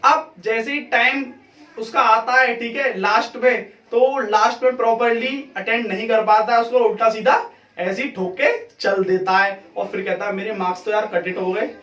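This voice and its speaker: A man's voice: extremely high pitch, measured pace, fairly bright tone. A male teacher giving an exam tips lesson, checking in with "theek hai" after nearly every line. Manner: repeats "theek hai" constantly. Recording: echoey room, mic far off.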